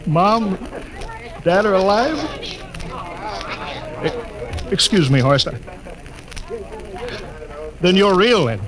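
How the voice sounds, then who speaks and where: A commanding space captain in a vintage radio drama. His voice sits fairly high, with emphatic delivery that turns halting when feeling takes over. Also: expressive, a crowd in the background, exaggerated voice, low-quality recording. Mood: stunned, moved. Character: commanding Navy rocket captain, excitable, moved by family. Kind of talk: old-time radio drama acting.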